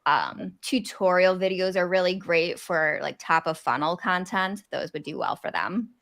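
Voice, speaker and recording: A woman with a lower pitch and a bright, forceful tone, answering as a guest over a video call. She explains things in a friendly way, with light laughs between her points. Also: moderate pace, vocal fry. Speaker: marketing consultant guest. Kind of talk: interview answers.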